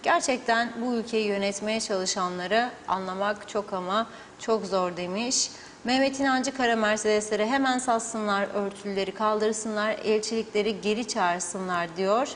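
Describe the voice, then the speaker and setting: A woman's voice: medium pitch, moderate pace, big-room sound, a little hiss or hum. A woman presenting on TV, steadily reading out viewer messages. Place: TV studio.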